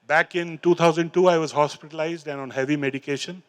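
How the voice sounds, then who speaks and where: Speaking with earnest hesitation, full of fillers and restarts, a middle-aged man relates his recovery and recites poems on a large stage in a hall, using a handheld microphone. He speaks Indian English, his first language being Hindi or Urdu, in a little high, steady voice that is clear and resonant.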